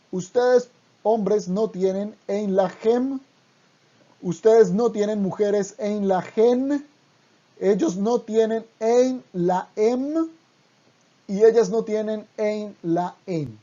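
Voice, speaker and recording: A Hebrew teacher giving an online language lesson, speaking deliberately and repeating each word twice. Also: mid-range voice, warm tone, dull audio.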